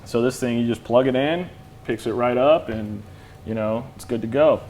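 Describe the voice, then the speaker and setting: A man explaining a lighting fixture in a casual demo chat, relaxed and rambling, with lots of "you know". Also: medium pitch, normal speed, a little hiss or hum. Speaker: lighting product expert.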